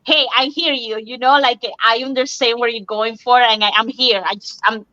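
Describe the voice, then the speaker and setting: A woman's voice: a little high, steady tone. A woman from Cuba, talking casually on a video call, often laughing and restarting her phrases. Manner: warm, laughing, halting phrasing. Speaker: nurse and online business owner. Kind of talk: casual group talk. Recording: dull lo-fi online call audio.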